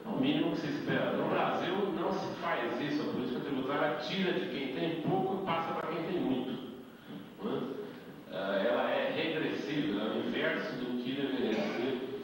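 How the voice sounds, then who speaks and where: This middle-aged man, an invited speaker with a Brazilian Portuguese accent, lectures at a debate event in an indoor meeting hall, explaining things in sequence and ending remarks with rhetorical tags. His voice is mid-range and fairly quick, carried by a handheld mic. The sound, filmed by a far-off camera, is echoey with slight background noise.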